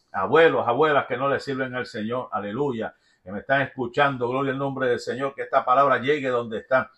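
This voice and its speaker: A pastor leading an intercessory prayer, a man whose voice comes through bright and forceful. He prays with fervor and keeps repeating short phrases of praise between his lines. Now and then he reads out prayer requests. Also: medium pitch. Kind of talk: fervent prayer broadcast.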